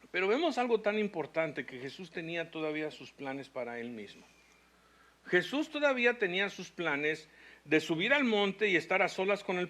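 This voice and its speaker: A man's voice: on the high side, fairly bright tone. A man preaching a sermon as pastor, reading scripture and telling a hospital story, building to intense emphatic peaks. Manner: preaching with rising intensity and slow emphatic phrases.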